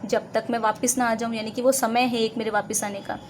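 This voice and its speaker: A woman with an Indian accent teaching English grammar, explaining in Hindi, reading English examples slowly and deliberately and answering her own questions. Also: a little high, level tone, slight background noise, poor audio.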